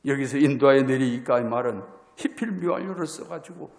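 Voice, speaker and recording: A man's voice: mid-range voice, fairly quick, vocal fry. A man preaching a dramatic sermon as a pastor, acting out scripture as he talks. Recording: echoey hall with long reverb.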